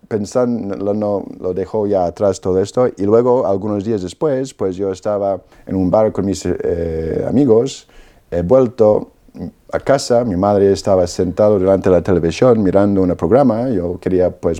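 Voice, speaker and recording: Low mellow-voiced man telling his story. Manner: storytelling with frequent "¿no?" tags and restarts. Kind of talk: personal testimony in an interview.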